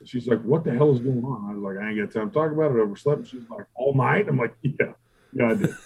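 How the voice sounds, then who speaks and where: Husky, profane pitmaster spinning yarns. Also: male voice, medium pitch, quick pace, lo-fi sound. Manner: animated, profane, quotes himself and others in acted asides. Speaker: competition barbecue pitmaster and restaurant owner. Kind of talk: casual storytelling interview.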